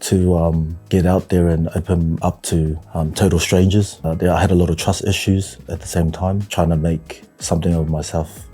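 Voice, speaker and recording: Husky, low-voiced New man. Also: level tone, dark tone, soft background music. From New Zealand, raised partly in Tonga. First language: Tongan. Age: 40s. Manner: hesitant, reflective, many pauses and fillers. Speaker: podcast guest. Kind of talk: casual interview chat.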